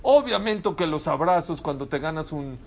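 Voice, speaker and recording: A man's voice: on the high side, animated, normal speed, gravelly. A man preaching a sermon as a rabbi, telling stories and asking rhetorical questions with animation.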